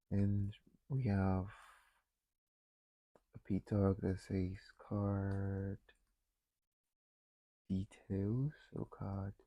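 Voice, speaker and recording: A man talking himself through a coding tutorial, thinking aloud with frequent pauses and fillers. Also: low voice, vocal fry, dark tone, no room sound, low-quality recording. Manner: thinking aloud, many ums and restarts. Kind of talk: casual screen-recorded coding walkthrough.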